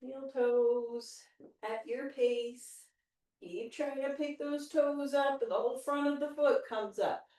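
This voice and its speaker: Echoey, unhurried woman leading a workout. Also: high-pitched, steady tone, mellow. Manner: encouraging, with countdowns and cues. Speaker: exercise instructor. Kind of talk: guided home workout instruction. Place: indoor room. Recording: very echoey room, distant microphone.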